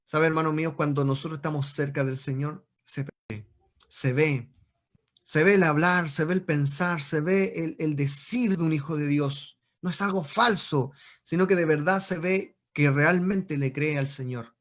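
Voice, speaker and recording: A man's voice: a little high, moderate pace. A man preaching a sermon as pastor, earnest, repeating phrases and often calling his listeners brothers.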